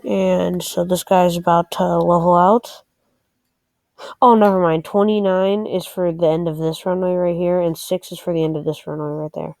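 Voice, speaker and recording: In this casual screen-recorded game tutorial, a woman speaks at a moderate pace in a lowish, darkish voice with flat delivery, thinking aloud a little hesitantly. No echo is present.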